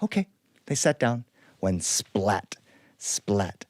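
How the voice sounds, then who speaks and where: A man telling a fairy tale in a lively, animated style, with spoken sound effects. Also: lowish voice, slow, dry recording, clean studio sound. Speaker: storyteller. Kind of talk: animated storytelling performance.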